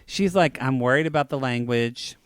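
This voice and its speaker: A man's voice: mid-range voice, normal speed, clean tone, no room sound. Wry man co-hosting a recap podcast. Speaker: podcast co-host. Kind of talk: casual recap chat.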